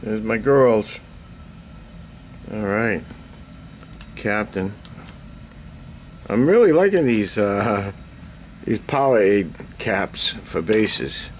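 Older new guy rambling slow about his stuff, low voice, handheld cam in a cluttered basement, faint hum behind. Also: expressive. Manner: rambling, self-deprecating, frequent throat clearing. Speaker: miniature painting hobbyist. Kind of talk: casual show-and-tell update. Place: cluttered basement hobby room. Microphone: handheld camera.

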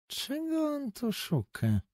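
A man's voice: extremely high pitch, wildly swooping pitch, slow, a little mellow, no room sound, studio quality, pitched above the performer's own voice, full character voice. A man voicing an irritable young male poet who speaks in curt, grumbling lines in an audiobook. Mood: grumpy, suspicious.

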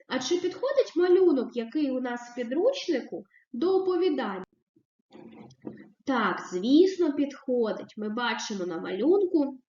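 A woman teacher giving a recorded reading lesson to young children, asking questions and praising the answers in a slow, sing-song way. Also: high-pitched, a little mellow, reverberant, muffled recording. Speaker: primary school teacher.

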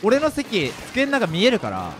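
A young man with a high, wildly swooping voice spins loose, self-mocking anecdotes while he games. He rambles casually from one memory to the next. Faint game music plays underneath. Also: huge pitch swings, normal speed. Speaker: pro gamer and video creator.

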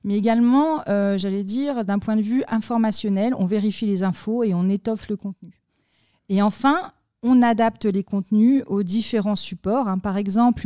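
A woman explaining content marketing on a podcast in a measured way, with many fillers. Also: medium pitch, mellow, no echo, studio quality.

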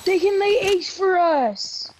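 A woman's voice: very high-pitched, expressive, slow pace, background noise. A woman chatting casually with a teammate over a headset while gaming, rambling and repeating herself in slangy talk.

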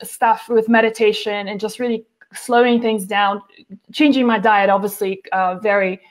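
This nutrition author, a woman in her forties, has a medium-pitched voice with a steady tone and normal speed. She's being interviewed over video call as a guest, chatting casually with many fillers and restarts. Plants sit behind her at a window in her home.

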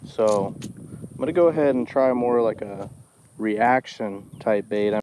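A man's voice: fairly low pitch, a little slow, background noise. A man vlogging his fishing trip from a kayak on a lake, chatting casually to his viewers about what he is doing. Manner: chatty, talks to viewers as guys, bursts into excited shouts when fish bite. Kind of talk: casual first-person fishing commentary. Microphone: action camera mounted on the body.

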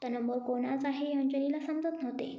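A woman narrating a romance story in a steady, even manner. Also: sits high, a little fast. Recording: dull echoey room.

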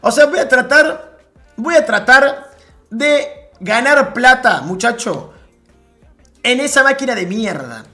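A man's voice: extremely high pitch, expressive, slow, pauses often, pushed and bright, soft background music. A young man with an Argentine accent streaming live, chatting with his viewers and reading their messages aloud in a slangy, chummy way. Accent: Argentine Spanish. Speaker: slots streamer. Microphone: new microphone.

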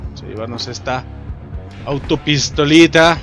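A young Mexican man with a somewhat high voice gives excitable, foul-mouthed commentary while he plays. He yells at the enemies on screen, and loud game music plays under his voice the whole time. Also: moderate pace. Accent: Mexican Spanish. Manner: excitable and profane, shouting at enemies. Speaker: gaming YouTuber. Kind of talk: let's play commentary.

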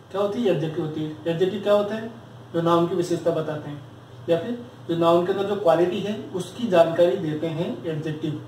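A man's voice: high voice, darkish tone, a little hiss or hum. A man teaching a grammar lesson for exam preparation, drilling students with repeated questions and answers. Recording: very echoey room, far from mic.

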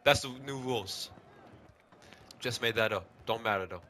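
A young American man giving excited, casual gameplay commentary into a headset, full of slangy trash talk and swearing. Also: fairly low pitch, moderate pace. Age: young adult. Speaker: gaming video host and player. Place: small indoor bathroom, sitting in an ice bath. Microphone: gaming headset.

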